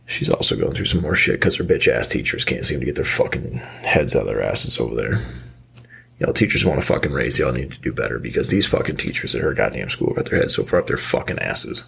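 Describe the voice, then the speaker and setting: A man's voice: rumbling low, gravelly, a bit bright, husky. A middle-aged man hosting his own podcast, ranting angrily and profanely while stoned and worn out. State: stoned, weary. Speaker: podcast host. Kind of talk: casual ranting monologue.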